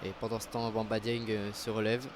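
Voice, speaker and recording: A man giving live football commentary as a match commentator, getting excited at big moments. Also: fairly low pitch, fairly quick, background noise.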